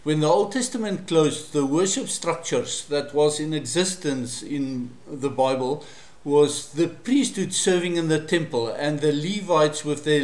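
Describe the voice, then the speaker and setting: Speaking to camera on his own in an echoey room, an Afrikaans Bible study presenter teaches in a slightly high voice with a darkish tone. He is measured and explanatory, though fillers come up often.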